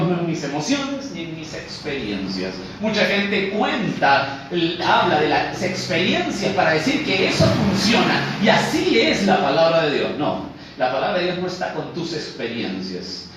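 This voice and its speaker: A male pastor preaching a sermon, emphatic, swinging between loud declarations and low intense asides. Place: church sanctuary. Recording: echoey church hall from far off, faint noise.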